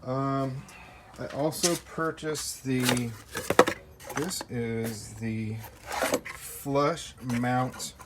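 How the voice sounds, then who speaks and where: A man's voice: medium pitch, steady tone, drawn-out words. An American man giving a casual, unscripted, upbeat update as a car build vlogger, in informal slangy words. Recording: faint vehicle and ambient noise.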